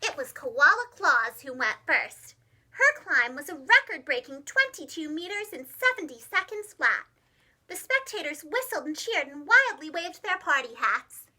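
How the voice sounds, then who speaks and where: Like a preschool teacher, a woman reads a children's storybook aloud in a high voice at a measured pace. She is animated and dramatic, enunciating gently and carefully for young children.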